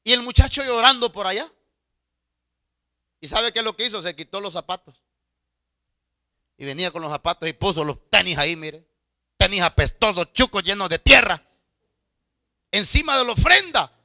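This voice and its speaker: Animated pastor, bright dry voice. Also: male voice, high voice, normal speed, pauses often, dry recording. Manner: animated, swings from loud outbursts to hushed confiding asides; stammering repetitions. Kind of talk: sermon with storytelling. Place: church.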